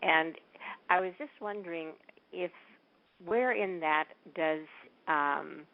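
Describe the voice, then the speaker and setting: A woman in her sixties calling in to a talk show, asking questions hesitantly with many pauses. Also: on the low side. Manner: hesitant, searching for words. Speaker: caller. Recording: tinny phone line.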